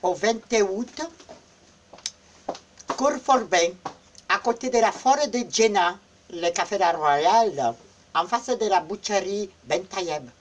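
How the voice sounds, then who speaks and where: A woman's voice: mid-range voice, lively intonation, slow pace, long pauses, a little hiss or hum. A woman running a clothing shop hosts a playful live video, teasing her viewers with mock insults while promoting a Halloween event.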